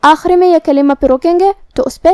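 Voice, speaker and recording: High-voiced woman teaching recitation. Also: a little mellow, dry recording. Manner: methodical, explains each letter and rule in turn; slow, drawn-out recitation when demonstrating verses. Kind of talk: step-by-step pronunciation lesson.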